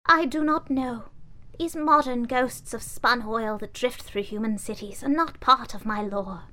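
A woman voicing an old, wise book of fairy tales who speaks in a measured, solemn way. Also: fairly high pitch, bright, forceful tone, voice pushed up.

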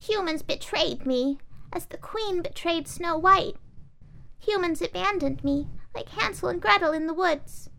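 A woman voicing an abandoned girl doll who asks anxious, pleading questions in a high voice. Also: measured pace, creaky, bright, forceful tone, exaggerated voice. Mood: pleading urgent.

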